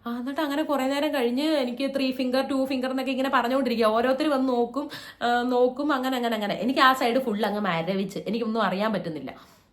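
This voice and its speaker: A woman's voice: high-pitched, quick pace. Chatty young woman storyteller. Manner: chatty and animated, acting out quoted lines in raised voices. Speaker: vlogger. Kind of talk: casual storytelling vlog.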